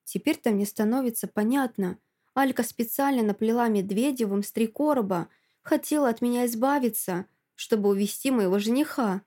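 Woman narrator, fairly high voice, expressive first-person audiobook read. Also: moderate pace.

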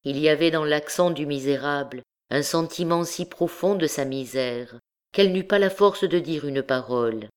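Female audiobook narrator, low-pitched, measured and expressive literary read. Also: clear, resonant tone. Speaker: audiobook reader.

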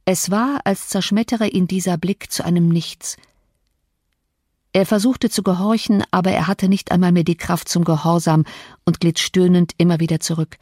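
A woman narrating a classic novel as an audiobook in a measured, expressive way. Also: on the low side, dry recording, studio quality.

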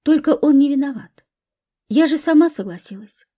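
A woman's voice: high-pitched, expressive, normal speed, mellow. A woman voicing a naive, ashamed young woman in a storybook reading, with a tearful, plaintive manner.

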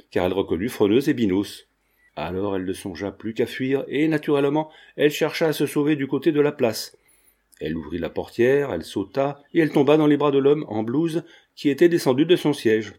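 A man reading a classic novel aloud as an audiobook narrator, with steady storytelling delivery. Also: mid-range voice.

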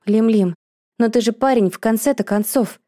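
A woman voicing an impulsive, emotional young woman who speaks up loudly and complains in an audiobook. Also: on the high side, normal speed, no echo, clean studio sound, pitched above the performer's own voice, lightly acted. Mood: excitable. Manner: excitable, complaining, raised voice.

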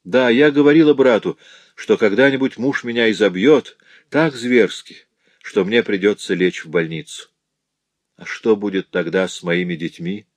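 A man's voice: fairly low pitch, moderate pace, darkish tone, dry recording, lightly acted. A man voicing a poor, grieving woman who tells of her husband's cruelty in a sorrowful, pleading way.

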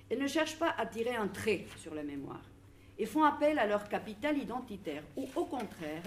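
A woman's voice: medium pitch, darkish tone, a little hiss or hum. Argentine woman reading a conference talk. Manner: measured, reads from notes with small restarts. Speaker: researcher presenting at a public debate.

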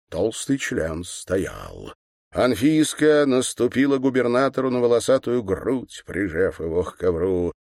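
Низкий мужской голос, выразительное чтение. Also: male voice, lowish voice, darkish tone, dry recording, clean studio sound. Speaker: audiobook narrator. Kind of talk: expressive audiobook reading.

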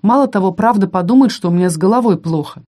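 An audiobook narrator reading a first-person fantasy romance novel in a calm, measured storytelling manner. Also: mid-range voice.

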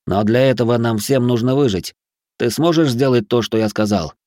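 A man's voice: medium pitch, normal speed, darkish tone, no room sound, studio quality, close to an everyday voice. A man voicing the first-person hero of an audiobook, speaking urgently and insistently. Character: determined young man, urgent leader.

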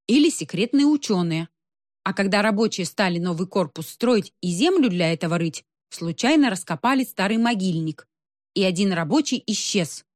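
A woman reading a first-person audiobook in a lively, expressive storytelling manner. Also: mid-range voice, dry recording, studio quality. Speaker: audiobook narrator.

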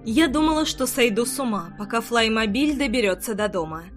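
A woman reads a first-person audiobook in a somewhat high voice. Her delivery is lively and expressive, and she stays close to the story throughout. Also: a little fast, faint music behind. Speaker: audiobook narrator.

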